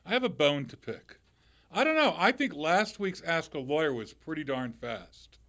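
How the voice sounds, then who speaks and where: Hosting a live call-in radio program, a loud middle-aged man speaks into a studio mic at a moderate pace. His slightly high voice swings widely in pitch, and he rambles conversationally, restarting and tossing in little asides.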